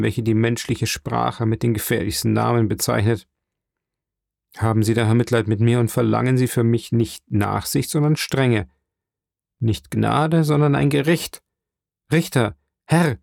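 A man's voice: mid-range voice, creaky, darkish tone, no echo, clean studio sound. A man voicing a young sailor held in prison, pleading with passion for a trial in an audiobook reading. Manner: impassioned, imploring.

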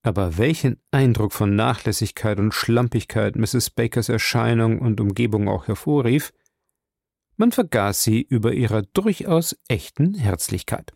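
A man narrating a mystery story in a lively, expressive reading. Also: on the low side, a little slow, creaky, dry recording, studio quality. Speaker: audiobook reader. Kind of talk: scripted narration.

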